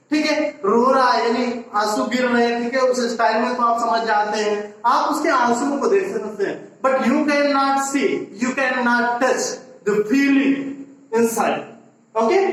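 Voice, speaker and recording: Indian male teacher giving a slow, repetitive classroom lesson; recorded in a very echoey room, far from the mic. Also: very high-pitched, fairly bright tone. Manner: mixes Hindi and English, repeats "ठीक है" often; slow, deliberate explaining with frequent rhetorical questions.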